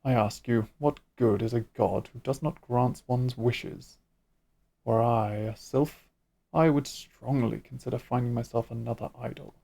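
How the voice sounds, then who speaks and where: A man's voice: medium pitch, fairly even intonation, a little slow, creaky, mellow, pitched below the performer's own voice. A man voicing a cold scheming imperial lord. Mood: scornful.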